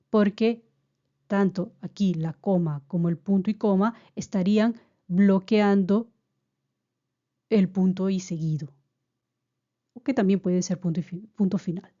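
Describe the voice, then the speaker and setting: A woman giving a grammar lesson, explaining slowly and patiently and often repeating her key points. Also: medium pitch, mellow, lo-fi sound. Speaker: teacher.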